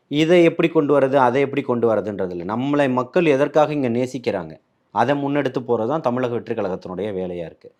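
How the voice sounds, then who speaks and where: A man's voice: medium pitch, a little mellow. A man, speaking as a party spokesman in a heated political interview, combative and full of rhetorical questions.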